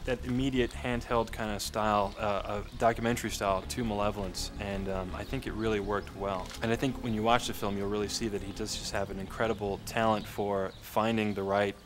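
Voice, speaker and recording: A man's voice: fairly low pitch, little pitch movement, brisk, few pauses, background noise. A man speaking as a film director in a behind-the-scenes interview, explaining his work in a reflective way.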